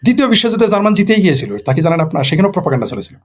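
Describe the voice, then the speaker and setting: A man's voice: high-pitched, big pitch swings, rapid-fire, slight background noise. A man from Bangladesh, a political commentator in a casual late-night monologue who poses rhetorical questions and answers them himself.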